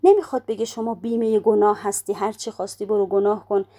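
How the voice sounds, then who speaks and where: A woman's voice: medium pitch, fairly even intonation, mellow. A woman giving a religious lecture, explaining step by step and posing rhetorical questions that she then answers herself. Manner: slows down to recite prayer quotations.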